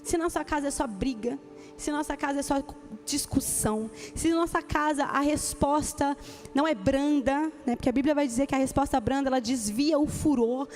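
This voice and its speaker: A woman's voice: sits high, a little mellow. A woman with a Brazilian Portuguese accent preaching a sermon as senior pastor, emphatic and acting out quoted voices. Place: church conference stage.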